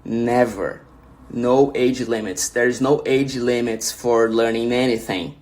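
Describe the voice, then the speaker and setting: A young Brazilian man, a native Portuguese speaker with a Brazilian Portuguese accent, hosts a casual livestream, reading viewer questions aloud and answering encouragingly while often restarting sentences. His mid-range voice has a darkish tone, fairly even intonation and a slow pace.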